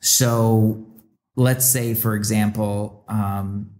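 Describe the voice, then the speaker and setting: A man's voice: on the low side, fairly even intonation, very slow, a little mellow, faint music behind. A young adult man co-hosting a podcast, reflective and rambling, with many restarts and fillers. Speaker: podcast co-host. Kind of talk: reflective casual chat.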